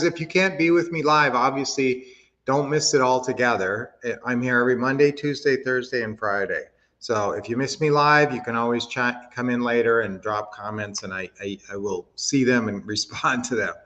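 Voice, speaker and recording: A man's voice: medium pitch, moderate pace, fairly bright tone, muffled recording. A man from Minnesota hosting a real estate investing livestream, chatting casually, answering chat comments and teaching with lots of fillers and restarts.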